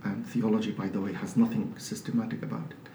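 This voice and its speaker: A man from Syria with a Syrian accent, a priest talking as an interview guest in a measured, explanatory way with frequent restarts. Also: on the low side, flat delivery, mellow. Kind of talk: conversational interview. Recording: roomy, slightly distant mic with faint noise.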